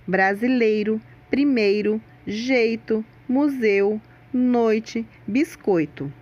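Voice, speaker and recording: Slow, lively-pitched woman teaching grammar. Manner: slow, deliberate, stresses sounds in example words. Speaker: Portuguese teacher. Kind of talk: scripted grammar lesson.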